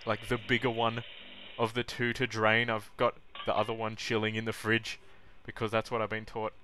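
In a small home kitchen, a young vlogger demonstrates coffee-making and jokes at his own expense in a casual how-to style. His lowish voice is monotone, pushed, and bright at a moderate pace, and the recording is noisy with clicks and clatter.

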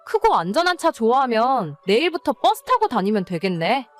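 A woman's voice: a little high, big pitch swings, a little fast, soft background music. A woman playing an exasperated, nagging wife in a scripted dramatized story. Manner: nagging, scolding. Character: exasperated, scolding wife of an irresponsible husband. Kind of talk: scripted story narration and dialogue.

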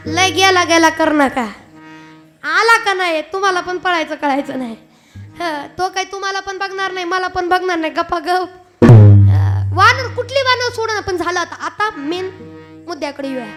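A woman kirtan preacher giving a devotional sermon, emphatic and chatty with asides to her audience. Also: extremely high pitch.

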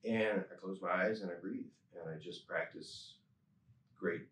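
A man in his fifties, low-voiced and measured, is interviewed as a chiropractor guest, speaking calmly and earnestly and repeating phrases for emphasis in reflective talk. He's in an office with a desk and a skeleton model, recorded through a somewhat distant desk microphone on a stand with roomy office acoustics.

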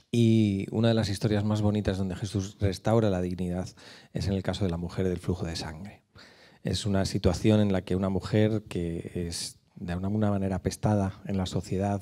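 Un hombre de unos cuarenta años con acento madrileño, hablando a una congregación en una iglesia con micrófono de mano, con muchas pausas y muletillas. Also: male voice, low-pitched, mellow. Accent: Madrid Spanish. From Spain. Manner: hesitant, many fillers and restarts. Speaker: guest speaker at a church. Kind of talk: church talk to a congregation. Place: church hall with a small stage. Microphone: handheld microphone.

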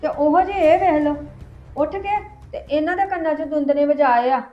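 A woman acting out a resentful young woman in a homemade family drama, confronting her relatives with sharp accusations. Her voice is high, and the recording sounds dull and lo-fi with faint music behind it. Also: moderate pace, lightly acted. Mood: aggrieved.

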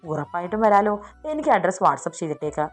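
A woman's voice: on the low side, fast talker, close to an everyday voice. A woman voicing a spirited young female employee who pleads and talks back in a romantic audiobook, with faint music behind. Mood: playful. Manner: pleading, defiant.

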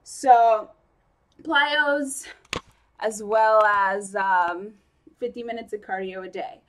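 A young woman vlogging casually about her training, talking fast and chatty with lots of fillers and self-corrections. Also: mid-range voice, a bit bright, a little hiss or hum. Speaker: fitness vlogger. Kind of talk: casual vlog chat.

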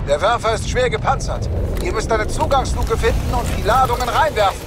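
An actor playing an urgent military officer shouting orders in a war video game. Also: male voice, very high-pitched, a little fast. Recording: loud battle noise.

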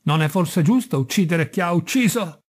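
A man's voice: high-pitched, animated, moderate pace. A man voicing a huge, vengeful male genie in a storybook reading, speaking in stern, unyielding pronouncements.

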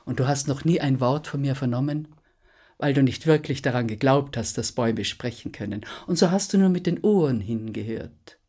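A woman voicing an ancient, wise talking spruce tree that speaks gently and calmly. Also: extremely low pitch, normal speed, slightly rough. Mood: gentle. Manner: gentle, calm, kindly.

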